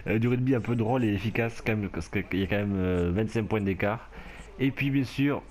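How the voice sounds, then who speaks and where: Shouting and laughing as the action unfolds, a gameplay commentator casually covers his own rugby video game match and gets increasingly worked up. His pitch is fairly low and his delivery a little fast.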